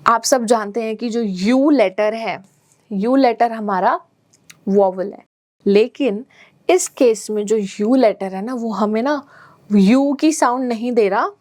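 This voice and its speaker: A woman's voice: fairly high pitch, a little mellow, no room sound, clean studio sound. A woman teaching a grammar lesson to schoolchildren, switching between English and Hindi and checking in with her students often. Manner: slow careful English, quicker Hindi explanations.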